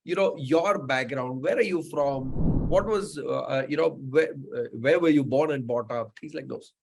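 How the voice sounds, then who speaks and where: A man's voice: medium pitch, normal speed, gravelly, background noise. A man from Mumbai with an Indian English accent, hosting a live online show in casual chat, full of fillers and words said three times over. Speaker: host.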